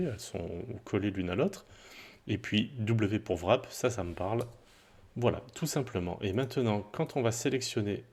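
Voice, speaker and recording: A man explaining a coding tutorial in a relaxed, chatty way, with small asides and self-corrections. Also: on the low side. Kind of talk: screen-recorded coding tutorial.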